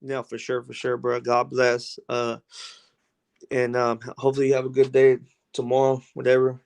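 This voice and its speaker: A man's voice: mid-range voice, completely flat delivery, normal speed, vocal fry, a little mellow, clean tone. A man chatting casually as a panel guest, with agreeable, slangy frat-bro talk full of swearing. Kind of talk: casual chat.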